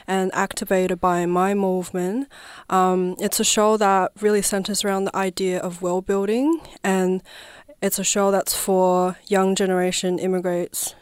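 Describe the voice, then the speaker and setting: A woman speaks in a smooth, resonant voice at a middle pitch. She talks reflectively as a guest in a radio studio, often pausing to hedge with little fillers. The sound is close and dry, with no room around it. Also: no echo. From southwest China. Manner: reflective, hedging with frequent "I suppose" and "like". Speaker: guest artist. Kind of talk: casual radio interview.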